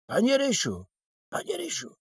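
A man voicing an excitable, anxious, fussy little gentleman who cries out in pleading, agitated bursts. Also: medium pitch, moderate pace, breathy edge, exaggerated voice.

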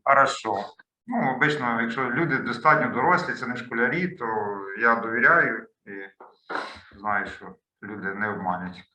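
A man's voice: medium pitch, animated, normal speed, pushed and bright, roomy sound, rough recording. A man teaching a beginners' language lesson over a video call, explaining his materials and thinking aloud as he clicks through slides. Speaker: language tutor. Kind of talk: online lesson walkthrough.

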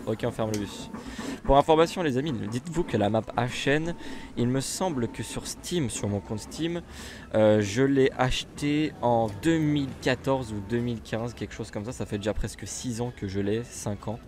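A man's voice: mid-range voice, moderate pace, darkish tone, a little hiss or hum. A man with a French accent casually commenting while he plays a bus simulator, chatty and rambling with lots of fillers and restarts. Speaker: gaming YouTuber.

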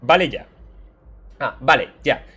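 A man from Spain giving casual, jokey reaction commentary on game lore as a streamer, swearing and shouting when surprised. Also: medium pitch, animated, a little slow, husky, soft background music.

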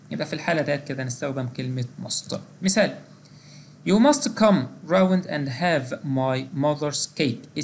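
A man's voice: fairly high pitch, gravelly, slight background noise. An English teacher with an Egyptian Arabic accent, explaining grammar step by step and asking and answering his own questions. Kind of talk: exam-prep grammar lesson.

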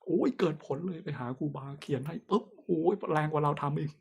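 Man, fortune teller, casual and self-mocking, fairly high voice, chatty. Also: vocal fry, breathy edge. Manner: chatty, self-mocking, laughs often, drawn-out fillers. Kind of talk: casual horoscope talk to camera.

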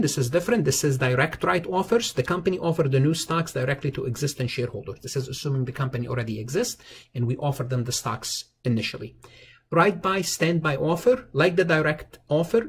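A man's voice: a little high, a little hiss or hum. A man giving a recorded finance lecture over slides, explaining step by step and often restarting phrases with "okay".

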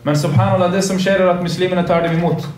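A man's voice: high-pitched, flat delivery, darkish tone. A man teaching a religious lesson to boys in a mosque, earnest and preachy, repeating points for emphasis. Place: large carpeted mosque room. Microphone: phone livestream from across the room. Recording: echoey room, speaker far from phone.

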